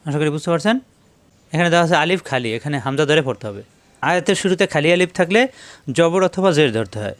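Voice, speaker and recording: A patient man giving a Quran reading lesson with a smooth, clear, rather high voice. He spells each word out syllable by syllable and then recites it slowly. The sound is close and dry. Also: expressive, no echo. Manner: patient, repeatedly tells listeners to pay attention. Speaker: Quran teacher.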